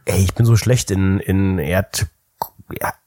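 A man's voice: low voice, fairly even intonation, takes it slowly, darkish tone, no room sound, clean studio sound. A young man co-hosting a podcast in casual chat, rambling and searching for words as he talks. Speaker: podcast co-host.

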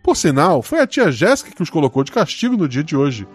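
A man's voice: on the high side, very animated, a little fast, soft background music. A man with a Brazilian accent hosting a story game podcast, narrating as game master.

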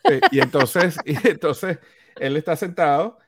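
A man's voice: fairly high pitch, unhurried. A man, co-hosting a podcast and telling a casual anecdote, sometimes losing his thread and correcting himself. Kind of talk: casual chat.

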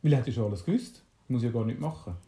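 Low-voiced Swiss German woman telling a story. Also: rapid-fire. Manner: relaxed, rambling storytelling with restarts. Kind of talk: improvised bedtime story. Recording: roomy, echoey.

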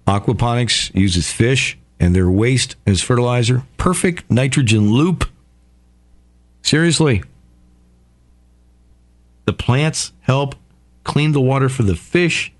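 A male radio host talking in a casual monologue, profane, excitable and rambling. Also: mid-range voice, takes it slowly, long pauses.

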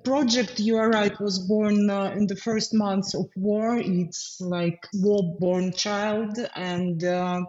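A woman from Ukraine with a Ukrainian accent, answering interview questions hesitantly, with many fillers and soft laughs. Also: mid-range voice, fairly even intonation, slow, few pauses, muffled recording. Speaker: guest, foundation founder.

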